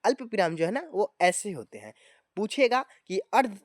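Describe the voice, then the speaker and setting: A man's voice: high-pitched, sing-song, moderate pace, no echo, clean studio sound. A man teaching a grammar lesson to exam students, explaining step by step and often addressing viewers as friends. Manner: explanatory, often calling viewers "friends" and adding tag words.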